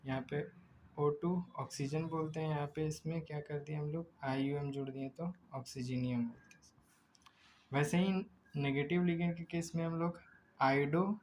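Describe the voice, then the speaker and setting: A man teaching a chemistry lesson. He explains step by step, asks himself rhetorical questions, draws chemical names out slowly and often corrects himself mid-word. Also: fairly high pitch, fairly even intonation, a little mellow, slight background noise, rough recording. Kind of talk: recorded lecture.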